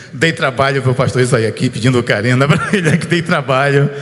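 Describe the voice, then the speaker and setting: A pastor preaching an informal sermon at a church service, telling a personal story and calling out to the congregation. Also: male voice, mid-range voice, a little fast, fairly bright tone. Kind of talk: conversational sermon. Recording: long church hall reverb.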